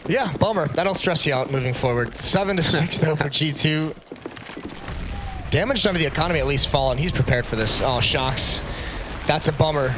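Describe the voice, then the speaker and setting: A man's voice: fairly high pitch, normal speed, noisy background. A man commentating as an esports caster, mixing play calls with analysis.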